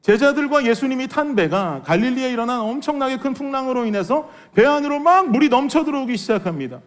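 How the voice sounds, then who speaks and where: A man's voice: very high-pitched, lively intonation, quick pace. A man preaching a Korean sermon as pastor, earnest and full of rhetorical questions to the congregation. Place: church sanctuary.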